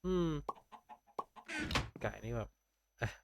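A man's voice: slow, heavy background noise. A young man casually commenting on his Minecraft game, thinking aloud and chatting with viewers. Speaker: gameplay streamer.

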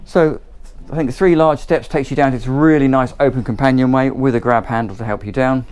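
An Englishman gives a loosely ad-libbed, enthusiastic tour of a motor boat at a marina, filmed handheld as he moves between cabins and decks. His mid-range voice is steady, smooth and darkish, and he talks fairly quickly.

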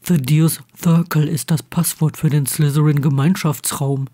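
A woman voicing a blunt, stubborn teenage boy wizard who grumbles low and keeps his voice hushed. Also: steady tone, moderate pace.

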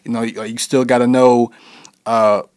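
A young man talks through an interview in an easygoing, unhurried way. His answers wander and loop back, padded with "you know" and "like". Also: medium pitch, flat delivery, a little mellow. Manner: laid-back, heavy with fillers like "you know". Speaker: interview guest, musician. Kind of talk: casual interview conversation.

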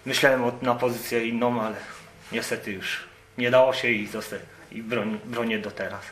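A man's voice: mid-range voice, little pitch movement, moderate pace, fairly bright tone. A man being interviewed as a guest, answering modestly in short, guarded replies and keeping some things to himself. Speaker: guest, amateur football goalkeeper. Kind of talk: casual interview. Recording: roomy sound with faint noise.

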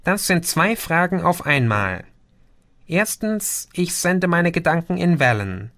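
A man voicing a cheerful, talkative male green insect alien with a lively, playful way of talking. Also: on the high side, takes it slowly, voice pushed up, exaggerated voice. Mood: chatty.

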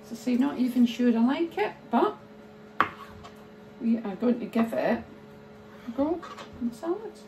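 A middle-aged woman, chatting slowly and thinking aloud as she preps food in her home kitchen. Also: a little high, sing-song. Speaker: cooking vlogger. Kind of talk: casual cooking chat. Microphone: phone camera held nearby. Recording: noisy home kitchen ambience.

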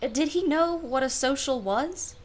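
A high female voice at a moderate pace, close to everyday speech. In a radio play she portrays a wry, genteel society aunt, privately exasperated, speaking with arch formality and dry irony in a guarded mood.

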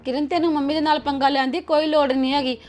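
A young actress playing a cautious, gossiping elder sister-in-law who talks in a confiding manner. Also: female voice, high voice, fairly even intonation, fast, darkish tone, faint music behind, lightly acted. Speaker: actor. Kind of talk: web series drama acting.

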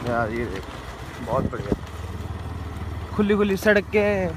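A young man with a slightly raised voice chats excitedly to his viewers, filming himself on a handheld phone. Loud road and traffic noise runs under everything he says. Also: high voice, a little slow. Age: young adult. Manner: chatty, excited, talks to viewers while filming. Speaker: vlogger. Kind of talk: casual travel vlog narration. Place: outdoors on streets, then inside a moving car. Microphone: phone camera at arm's length.

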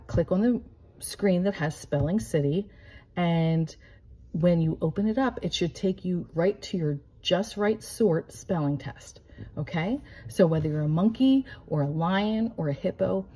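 A middle-aged American woman with a slightly husky voice, speaking as a teacher to young children in simple explanations. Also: low voice, mellow. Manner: simple explanations with frequent checking questions. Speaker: elementary school teacher. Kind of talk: instructional talk to young children. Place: living room at home, indoors.

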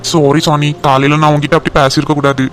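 Guy voicing a fast-talking earnest cartoon village man, soft music under it. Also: on the high side, flat delivery, close to an everyday voice. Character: apologetic young village man.

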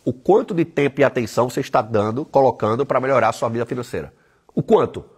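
Blunt, husky-voiced man. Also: mid-range voice, animated, quick pace, a little mellow. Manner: blunt, profane, emphatic; tells stories and voices the people in them. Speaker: online weight-loss coach. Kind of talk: live-stream motivational talk.

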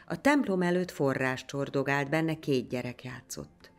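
Low gravelly woman telling a legend. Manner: measured, storytelling. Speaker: storyteller. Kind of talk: scripted legend narration.

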